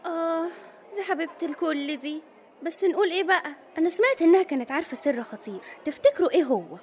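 A fawning young inmate with an Egyptian accent, played by a woman, panicky and eager to please. Her voice is very high, rattles along very fast and leaps up and down. A faint hiss sits behind her. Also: animated, darkish tone, some chatter behind. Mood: jittery. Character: jittery fawning young female inmate sidekick.

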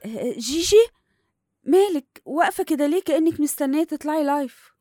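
A prim older Egyptian lady in a radio serial. She talks high and fast, guarding her dignity with huffy, indignant scolding. The voice is recorded dry. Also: animated, mellow, no room sound, soft background music. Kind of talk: Egyptian radio comedy drama acting.

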